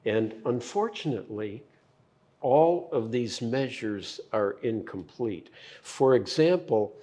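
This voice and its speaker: An older man, a physician, giving slow, measured explanations of health science with plain analogies in an interview. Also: medium pitch, animated, dark tone. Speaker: physician guest.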